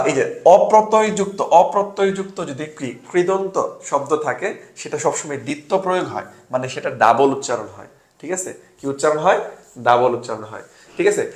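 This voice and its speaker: Chatty young man tutoring in an echoey room. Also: a little high. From Bangladesh. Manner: informal, asks questions and answers them himself; mixes English words into his speech. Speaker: admission test tutor. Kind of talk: casual online exam-solving class.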